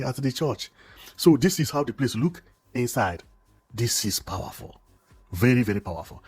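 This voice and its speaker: A man's voice: medium pitch, darkish tone. A man narrating a building tour, exclaiming and repeating himself with enthusiasm. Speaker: vlogger.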